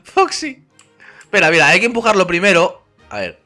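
Bright high-voiced gamer guy. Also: fast talker, faint music behind. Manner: playful, laughing, excitable. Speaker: gaming YouTuber. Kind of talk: casual co-op gameplay chat.

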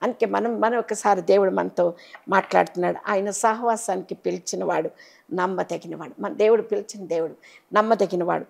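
A woman bishop with a Telugu accent preaching a sermon, fervent, rising to loud exhortation and dropping to soft pleading. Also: mid-range voice, fairly even intonation, brisk, gravelly.

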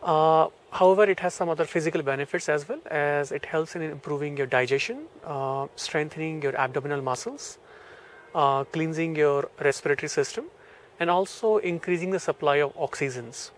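A middle-aged man with an Indian accent, a yoga trainer, explaining to camera in measured, hesitant phrases. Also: a little high. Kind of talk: instructional talk to camera. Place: outdoors in a leafy garden. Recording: faint outdoor background noise.

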